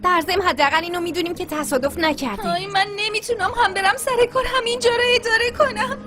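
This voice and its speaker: A woman dubbing a fretful, exasperated young woman in a TV drama. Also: very high-pitched. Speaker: dubbing actor. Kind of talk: dubbed TV drama. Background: music.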